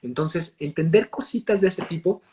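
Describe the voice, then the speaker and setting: A voice and acting coach with a Mexican accent talks about his work during a relaxed interview. His manner is lively and explanatory, his pitch and volume jumping around quickly.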